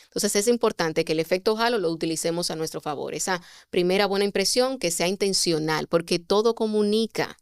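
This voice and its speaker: A woman, a communication mentor, explaining sales techniques as a podcast guest with expressive delivery and rhetorical questions. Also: on the low side, brisk, clear, resonant tone, no room sound, clean studio sound.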